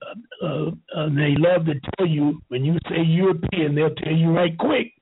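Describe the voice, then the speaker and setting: A man in his seventies telling a rambling story slowly, with halting restarts. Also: fairly high pitch, slightly rough. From United States. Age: 70s. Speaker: show host. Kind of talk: rambling talk. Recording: tinny phone-like line.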